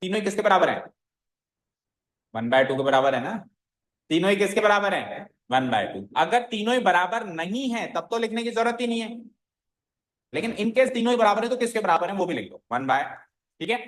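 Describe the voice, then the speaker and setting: A man's voice: high-pitched, lively intonation, normal speed, a bit bright, reverberant, rough recording. A male maths teacher, lecturing a class step by step and often checking whether the students are following. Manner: explains step by step, keeps asking the class if they follow.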